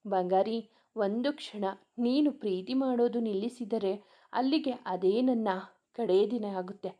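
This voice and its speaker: A woman voicing a loving young husband who coaxes his wife with soft endearments. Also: a little high, unhurried, close to an everyday voice. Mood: tender.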